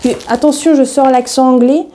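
Female vlogger, very warm and dark tone, chatty and meandering, laughs at herself. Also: high-pitched, fairly even intonation, normal speed, slight background noise. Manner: rambling and chatty, many hesitations; self-deprecating, easily laughing. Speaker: sewing vlogger. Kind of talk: casual haul video chat.

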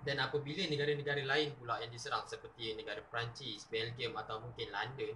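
A man's voice: mid-range voice, fairly even intonation, rapid-fire, pushed and bright, a little hiss or hum. A young man with a Malaysian accent, talking earnestly to a camera in a dorm room and acting out short skits. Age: young adult. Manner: switches between earnest talk and mocking skits. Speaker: sketch vlogger. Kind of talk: video commentary with skits. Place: dormitory room, indoors. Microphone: camera mic at short distance. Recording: echoey room.

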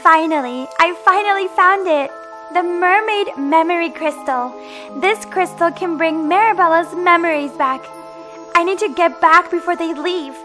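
A woman voicing a fierce, devoted mermaid mother in an animated game story. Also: extremely high pitch, moderate pace, over music. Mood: determined. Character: fierce, devoted mermaid mother seeking her lost daughter.

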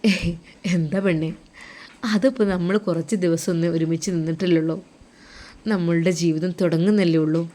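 A woman voicing a tender young husband far from home who gently consoles his crying wife in a told story. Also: on the low side, steady tone, normal speed, pauses often, close to an everyday voice. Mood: soothing. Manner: gentle, coaxing, soothing. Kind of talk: storytelling role-play.

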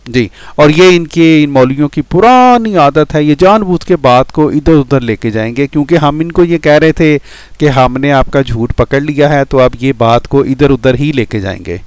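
A man's voice: a little high, smooth, dry recording. A man hosting a commentary video, addressing his viewers directly and mocking his opponent. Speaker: channel host. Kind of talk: commentary on played voice messages.

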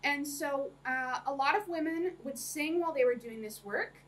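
A young woman, lecturing in a small projector-screen room, talks to a small audience in a chatty academic style with many ums and frequent laughs. She's high-pitched and a bit bright, speaking at normal speed. The camera mic sits across the room, giving distant audio with faint noise.

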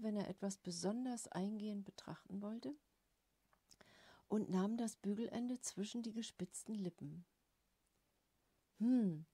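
A woman reading a story aloud in an unhurried, expressive way. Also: medium pitch, no echo. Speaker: audiobook narrator.

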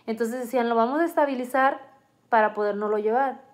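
Higher-pitched mom telling her family's story, earnest, keeps restarting sentences. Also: fast. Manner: vivid, earnest retelling with frequent restarts. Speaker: interviewee recounting a family illness; mother. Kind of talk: personal storytelling.

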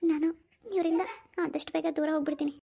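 A woman's voice: sits high, little pitch movement, fast, gravelly. A woman voicing a young cartoon wife who feels hurt and resentful toward her husband, with sulky, wounded complaints. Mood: bitter. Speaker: cartoon character. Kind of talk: animated drama voice acting.

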